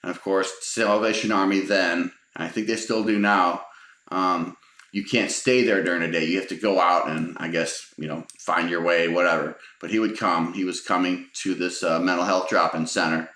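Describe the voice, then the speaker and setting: Middle-aged man, very low voice, rambling casual storytelling, many fillers, roomy echo. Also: fairly even intonation, moderate pace, bright, forceful tone.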